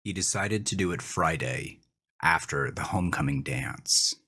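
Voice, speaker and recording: As host of a horror show, a man with a low, husky voice narrates scripted fiction slowly and deliberately with dramatic intensity. His intonation is lively, his delivery pushed and bright.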